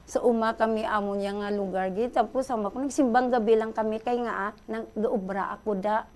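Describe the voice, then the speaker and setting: A middle-aged Filipina with a Hiligaynon accent, calling in to a radio show and excitedly retelling a story. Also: female voice, a little high, fairly quick. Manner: excited, breathless retelling, addresses host often. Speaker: caller.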